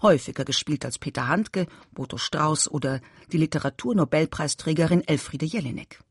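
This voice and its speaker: Measured scripted feature narrator. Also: mid-range voice, lively intonation, slightly rough, no echo, clean studio sound.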